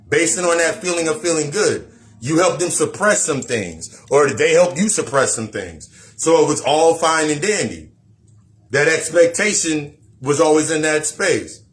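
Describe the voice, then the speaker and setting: With a fairly high, somewhat bright voice, this man lectures the listener directly in a profane, no-nonsense spiritual self-help monologue. His tone is preachy, and he circles back to the same phrases.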